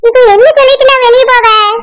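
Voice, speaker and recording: A scheming young village wife from a cartoon, as a voice actor plays her, with a Tirunelveli Tamil accent. Her voice is extremely high and squeaky, and bright and sharp in tone. She talks in a fretful, pleading rush. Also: steady tone, fast talker. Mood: fretting. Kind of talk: cartoon voice acting.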